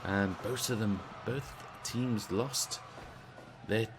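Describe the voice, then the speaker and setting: A British man giving casual play-by-play commentary on a video game wrestling stream, chatty and relaxed. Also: lowish voice, slow, background noise. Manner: chatty, relaxed, asks the audience.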